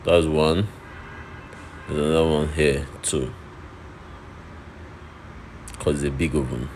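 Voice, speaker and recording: Man, low voice, phone walkthrough of a workshop, explains things twice, noisy background. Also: fairly even intonation, takes it slowly. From Nigeria. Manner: explaining step by step, repeats himself. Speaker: oven fabricator showing his work. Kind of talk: walkthrough narration while filming. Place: workshop and outdoor street site. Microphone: phone held while filming. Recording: phone video with loud background noise.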